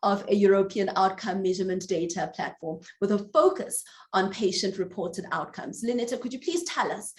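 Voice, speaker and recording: A woman's voice: mid-range voice, moderate pace, few pauses, a little mellow, reverberant. A South African woman moderating a panel webinar, introducing speakers with many fillers and restarts.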